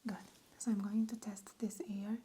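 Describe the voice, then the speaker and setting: A woman whispering a medical exam roleplay in a slow, gentle, reassuring way. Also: medium pitch, flat delivery, slight background noise. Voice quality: soft whispery. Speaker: ASMR roleplay nurse.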